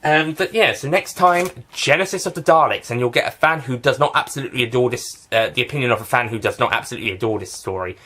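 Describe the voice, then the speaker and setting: A man's voice: mid-range voice, fast, few pauses, bright, forceful tone, a little hiss or hum. A man giving a casual spoken review of a TV series, rambling and often restarting and correcting himself.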